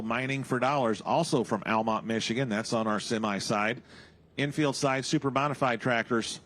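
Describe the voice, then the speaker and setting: A man working as a tractor pull announcer, calling out names and distances live and repeating them for the crowd. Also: mid-range voice. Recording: loud engine and vehicle noise. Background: roaring vehicles at an outdoor track.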